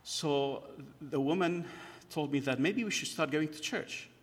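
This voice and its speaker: Speaking a little slowly in a voice on the high side, this middle-aged man from Kurdistan, northern Iraq, offers a halting church testimony about his own life. He keeps restarting and leaning on fillers, and a long hall reverb hangs over the recording.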